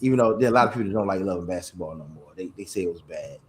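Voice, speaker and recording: Man, casual host chat, lively swooping pitch, playful, slight cough, roomy echo, faint background hum. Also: very fast. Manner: animated, playful, reads card text aloud. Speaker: podcast host.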